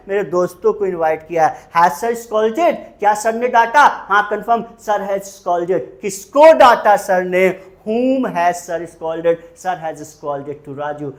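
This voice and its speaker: A male teacher with an Indian accent gives an English grammar lesson. He is emphatic and drills key words over and over. His voice keeps jumping up to stress a point and then dropping back down. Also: high voice. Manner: emphatic, repeats key words, quizzes the listener.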